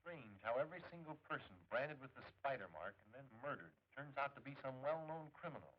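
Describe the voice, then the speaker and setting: An actor playing a stern, dutiful government detective, clipped and businesslike, in a 1930s film serial. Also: male voice, mid-range voice, very animated, quick pace. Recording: dull old film soundtrack.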